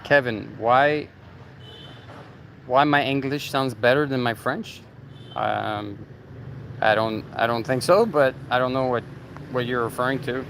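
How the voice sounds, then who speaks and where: A man talks loosely to his livestream chat while out riding through city streets at night. His pitch sits in a middle range, and he trails off and restarts often. Traffic and street noise come through clearly behind him. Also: measured pace, pauses often, fairly bright tone. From Canada. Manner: rambling, answers chat, many fillers. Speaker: vlogger livestreaming.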